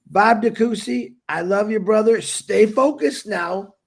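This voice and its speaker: A man's voice: high voice, unhurried, vocal fry. A man co-hosting a live stream, making upbeat announcements and introducing a guest, stumbling and restarting now and then. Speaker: co-host.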